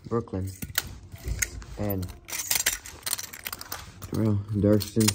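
Over a noisy background, a man with a fairly low voice hosts his homemade toy car elimination series. The casual play-by-play rambles along as he calls out names in order, often correcting himself.

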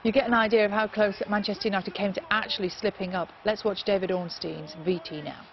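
A woman's voice: mid-range voice, fairly even intonation, muffled recording, a little hiss or hum. Chatty woman reading sports news. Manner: brisk, chatty. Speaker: sports presenter. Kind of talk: breakfast news sports bulletin. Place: TV studio.

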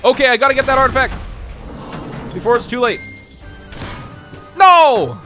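A man with a very high, bright voice does let's play commentary, raging, shouting and cursing at the game. He talks slowly, with wide swings in pitch, and faint game music plays behind him. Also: steady tone. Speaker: gamer.

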